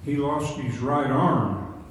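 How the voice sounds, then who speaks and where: At a slow pace and in a mid-range voice, an older man casually recounts folksy stories of his younger years to a group, chuckling along. The sound is distant and heavily echoed by the large room, with a little noise underneath.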